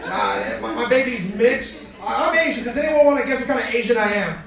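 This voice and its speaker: A young man doing a stand-up comedy set in a comedy club, telling crude jokes with deadpan punchlines and bantering with the crowd. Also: very high voice, fairly quick, creaky. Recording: echoey club from far off. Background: audience laughter.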